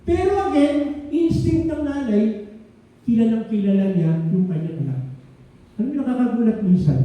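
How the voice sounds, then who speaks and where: An older man, a grandfather and pastor, preaches a sermon conversationally in a church hall, often checking in with the congregation with asides of "No?" His high-pitched voice sounds muffled, picked up from a distance in an echoey room.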